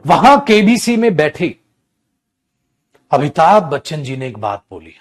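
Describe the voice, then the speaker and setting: A man's voice: fairly high pitch, big pitch swings, a little slow. A man teaching an online grammar class, calling his students "my child" and repeating his key points.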